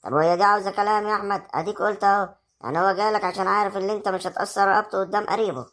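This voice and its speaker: A woman's voice: mid-range voice, fairly even intonation, very fast, fairly bright tone, lightly acted. A woman playing a young Egyptian village wife. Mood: coaxing. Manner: coaxing, persuasive. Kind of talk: amateur rural family drama acting.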